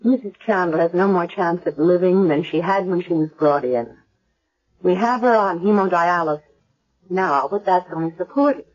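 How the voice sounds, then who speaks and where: On a dull, lo-fi vintage recording of a 1970s radio drama, an actress with a lowish voice plays an earnest, worried hospital doctor. She speaks at a moderate pace with light acting.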